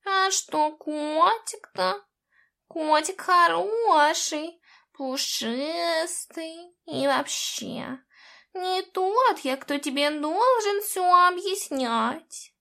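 A woman voicing a proud, grumbling male cat spirit who drawls his words slowly. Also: very high voice, gravelly, pushed and bright, heavily acted. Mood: evasive.

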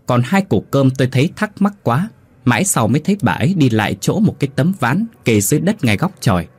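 Husky man telling a ghost story. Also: medium pitch, fast talker, no room sound. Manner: lively, expressive reading. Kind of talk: scripted horror story narration.

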